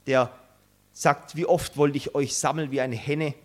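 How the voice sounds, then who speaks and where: A man giving a sermon in an earnest, emphatic way. He lets pauses carry the weight of his points, and his voice sits at an ordinary middle pitch. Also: fairly even intonation. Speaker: preacher.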